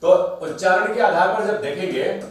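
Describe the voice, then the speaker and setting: A man with a somewhat high voice teaches grammar, asking himself questions and then answering them. He sounds set back from the mic in a strongly echoing room. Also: normal speed. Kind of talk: classroom-style recorded lesson. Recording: very echoey room, voice from a distance.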